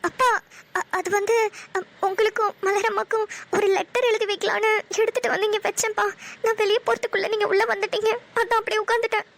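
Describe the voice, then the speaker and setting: A woman's voice: extremely high pitch, flat delivery, fast, a bit bright. A woman voicing a polite, eager young daughter-in-law in a cartoon. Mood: flustered. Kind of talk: cartoon dialogue.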